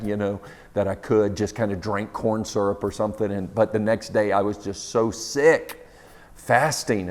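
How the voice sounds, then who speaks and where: A man's voice: lowish voice, darkish tone. A middle-aged man telling a personal story in a sermon, in a conversational, laughing storyteller's manner.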